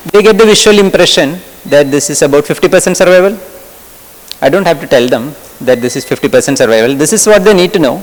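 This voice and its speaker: A middle-aged man from Kerala speaks with a Malayali English accent and a fairly high voice. He talks in a relaxed, conversational way as he gives a workshop lecture and asks the audience questions. His voice rings with the long reverb of a lecture hall. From Kerala, India. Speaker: medical lecturer.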